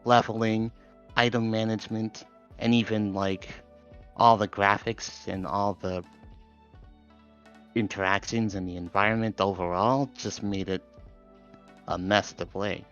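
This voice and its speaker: A man's voice: lowish voice, steady tone, measured pace, pauses often, fairly bright tone, smooth, lo-fi sound. A man chatting casually as a podcast guest, giving understated and slightly hesitant answers. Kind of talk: casual chat about online games. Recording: music behind the voice. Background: music.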